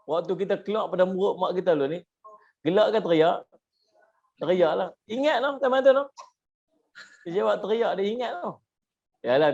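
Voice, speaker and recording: A man's voice: high-pitched, darkish tone. A man giving a humorous religious lecture, asking the audience questions. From Malaysia. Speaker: preacher. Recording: muffled lo-fi lecture recording.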